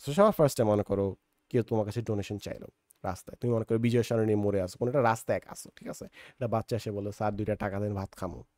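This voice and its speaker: A man's voice: mid-range voice, mellow, no room sound, clean studio sound. A man from Bangladesh, giving a reflective conversational monologue and talking straight to the listener, with English words mixed in. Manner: conversational, mixes English into Bengali, addresses listener directly. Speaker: monologue host.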